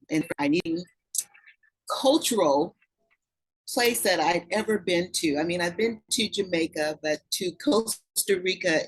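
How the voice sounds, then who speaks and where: Slow-speaking woman, low, heartfelt. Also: low-quality recording. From California. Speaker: participant. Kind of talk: casual group chat. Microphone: video call.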